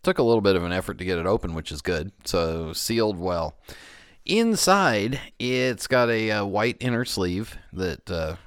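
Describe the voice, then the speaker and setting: A man's voice: low-pitched, no echo, clean studio sound. A middle-aged American man hosting a casual radio-style podcast, rambling along with dryly joking asides. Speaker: podcast host. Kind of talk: casual radio-show talk.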